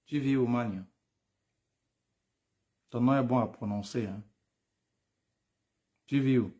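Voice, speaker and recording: A man's voice: medium pitch, takes it slowly, darkish tone. A tired man, advising viewers on studying abroad in a live stream. He speaks familiarly, calls viewers by name and repeats himself.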